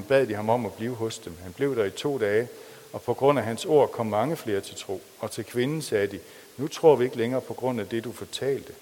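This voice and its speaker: A man's voice: lowish voice, a little mellow. Man preaching in a reverberant hall. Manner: reads aloud with feeling, then talks plainly with pauses and restarts. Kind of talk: sermon with a read-aloud story.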